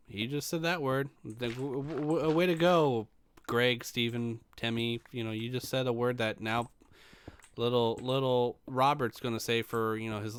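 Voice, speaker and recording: A man's voice: medium pitch, fairly bright tone, clean tone. A man in his late twenties, a streamer telling meandering casual stories to his live audience. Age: late 20s. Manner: rambling, meandering storyteller.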